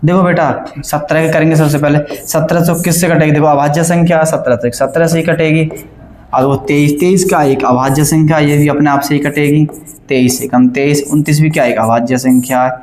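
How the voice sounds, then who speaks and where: A man's voice: a little high, fairly even intonation, brisk, a little mellow. A male math teacher giving a classroom lesson, working sums aloud step by step and keeping the students engaged with questions. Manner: keeps asking the class questions and checking they follow; works sums aloud step by step, repeating numbers. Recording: echoey classroom, faint background noise.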